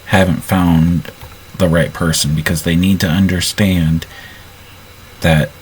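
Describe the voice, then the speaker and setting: Deep, slow-talking man at role-play. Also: flat delivery, a little hiss or hum, low-quality recording. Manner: halting, restarts sentences. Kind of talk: casual role-play narration.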